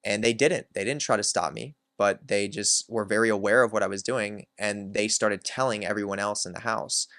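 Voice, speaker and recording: A man's voice: fairly low pitch, fairly even intonation, normal speed, hardly any pauses, a bit bright, dry recording, studio quality. A man hosting his own channel, candidly telling a personal story in a reflective way, with many filler words. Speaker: self-help channel host.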